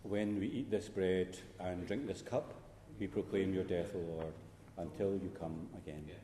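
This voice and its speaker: A very low, mellow male voice reciting liturgical prayers in a measured, solemn way. His words roll out into a long cathedral echo that hangs in the large church. A faint hum of the room sits underneath. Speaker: priest celebrating a funeral Mass.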